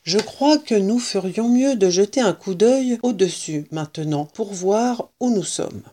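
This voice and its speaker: A woman voicing a clever, proud male fox father who leads his cubs, exclaiming loudly when excited. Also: medium pitch, measured pace. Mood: cautious.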